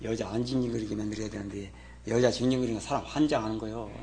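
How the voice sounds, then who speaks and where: A pastor in his sixties delivers a sermon, scolding in a conversational way and swinging between loud exclamations and quiet asides. His voice sits on the low side, steady in tone, and he speaks rapid-fire.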